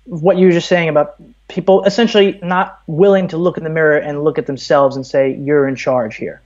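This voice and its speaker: He talks a little fast with fairly even intonation, his slightly high voice carrying a darkish tone through dull audio. He's a Brooklyn man in his thirties with an American accent, earnestly pushing strong, rambling opinions as a podcast interviewee.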